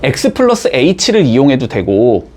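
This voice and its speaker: A man's voice: mid-range voice, huge pitch swings, slow, a little mellow. A man teaching a math lesson in a classroom style, explaining step by step and constantly checking in with his students through short questions.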